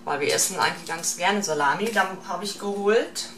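Casting: middle-aged woman, casual haul vlogger with halting item-by-item delivery, picked up from a distance in an echoey kitchen. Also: mid-range voice. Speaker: vlogger showing a shopping haul. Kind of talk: casual unscripted haul commentary. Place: home kitchen, indoors. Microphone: camera mic at a short distance. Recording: roomy, distant camera mic with clear noise.

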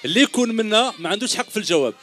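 His high, expressive voice races along with a somewhat bright edge, while a faint crowd and a little hiss or hum sit underneath. He is a middle-aged Algerian Arabic-accented entertainer hosting a kids' show outdoors, using a handheld mic to tease a big crowd of children with quizzes and jokingly call them "my dears."

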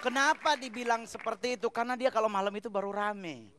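Loud high-voiced comedian on stage. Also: male voice, quick pace, a crowd in the background, noisy background. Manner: loud, animated, slangy Jakarta street talk. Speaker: stand-up comedian. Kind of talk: stand-up comedy set. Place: TV studio stage with live audience. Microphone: handheld mic. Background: audience laughter.

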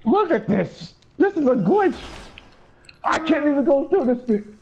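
A man's voice: very high voice, big pitch swings, a little slow, dull audio, a crowd in the background. A man playing a co-op game with a friend, teasing and exclaiming at glitches. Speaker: gaming partner. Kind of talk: casual co-op gaming chat.

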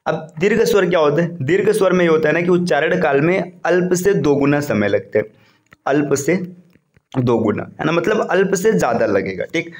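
A man teaching a slide-based grammar lesson for exam students, patiently repeating key terms and slowing down to say each vowel sound. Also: a little high. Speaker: Hindi teacher for exam preparation.

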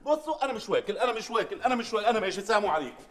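An actor playing a short-tempered middle-aged man with an Egyptian accent, grumbling and shouting at his family and his helper. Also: high voice, animated, racing, a little hiss or hum. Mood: irritable. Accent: Egyptian Arabic. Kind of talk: sitcom acting.

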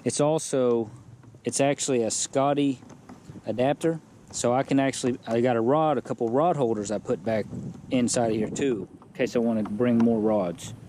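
Recorded on an action camera in a yard, this casual gear walkthrough has a man explaining his fishing kayak rig in a mid-range voice at normal speed. His manner is easygoing and plain, with lots of fillers, and there's slight hiss or hum.

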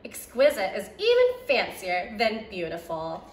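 A young preschool teacher reads a picture book aloud to children, giving the quoted lines expressive voices. Her medium-pitched voice swings hugely in pitch at an unhurried pace, echoing in an indoor room beside a brick fireplace.

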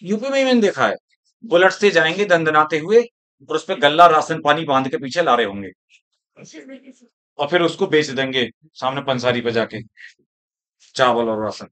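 A male teacher lecturing his class, his voice sitting a little on the high side. He talks rhetorically and keeps asking the students whether they are following him. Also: animated, moderate pace, pauses often, fairly bright tone.

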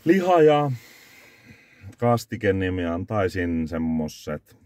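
A man's voice: low voice, big pitch swings, darkish tone, no echo. A man, reviewing a restaurant from a parked car, rambling and correcting himself as he hands out scores. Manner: rambling, self-correcting, scoring dishes out of five. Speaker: food reviewer vlogger. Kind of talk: casual review vlog. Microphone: phone camera on the dashboard.

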